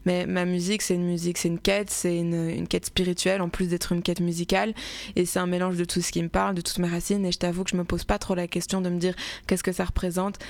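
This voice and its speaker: A young woman chats as a radio guest, circling her thoughts with plenty of false starts. Her pitch stays level, with little rise or fall, and the studio sound is close and dry with no room echo. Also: little pitch movement, fast, vocal fry, a little mellow. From Belgium. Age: 20s. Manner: talks in long searching runs with many restarts and fillers. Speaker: guest musician. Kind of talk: casual radio interview.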